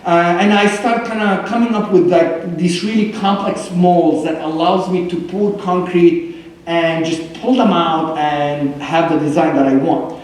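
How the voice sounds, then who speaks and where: A man's voice: sits high, fairly even intonation, unhurried. A man giving a casual conference talk about his artwork, chatty and full of fillers and restarts. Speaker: artist presenting at a symposium. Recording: echoey hall from far off.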